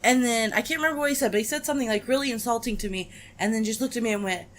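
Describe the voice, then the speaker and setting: A woman's voice: a little high, racing. A woman co-hosting a podcast in casual chat, telling anecdotes and teasing her co-host with dry humor.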